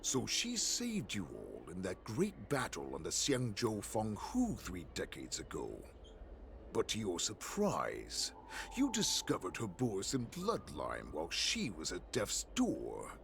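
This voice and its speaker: A man playing a menacing, gloating wolf-clan villain in a game, gravelly, slow and theatrical, savoring his words. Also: fairly low pitch, wildly swooping pitch, fairly bright tone, a little hiss or hum, heavily acted. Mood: probing, menacing. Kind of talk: dramatic game voice acting.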